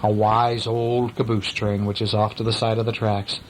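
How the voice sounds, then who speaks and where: A man reading a bedtime story aloud to his young child at home, pausing gently to ask questions about the pictures. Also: fairly low pitch, flat delivery, slight background noise, rough recording.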